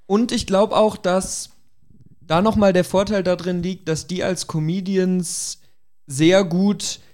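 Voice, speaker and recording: A man's voice: high voice, steady tone, slow pace, darkish tone. A man chatting casually as a podcast host, hedging carefully as he makes his points.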